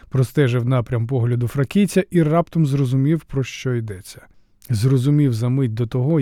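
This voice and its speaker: A man reading a story as an audiobook narrator, with steady, dryly ironic storytelling. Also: mid-range voice, no room sound, clean studio sound. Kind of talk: scripted narration.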